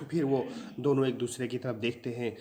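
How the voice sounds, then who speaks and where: A man's voice: medium pitch, steady tone, moderate pace. A male teacher explaining a play line by line, retelling it plainly and mixing in English words.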